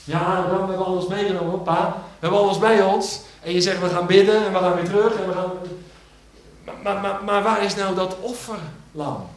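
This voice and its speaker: Preacher acting young Isaac, a puzzled, earnest boy; slightly high voice, echoey church. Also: steady tone, brisk. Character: young boy Isaac questioning his father.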